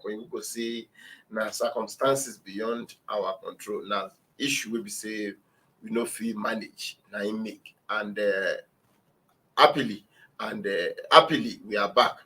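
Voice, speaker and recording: A man's voice: fairly low pitch, fairly bright tone, slight background noise, low-quality recording. Nigerian man hosting a chatty talk show. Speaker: radio show host.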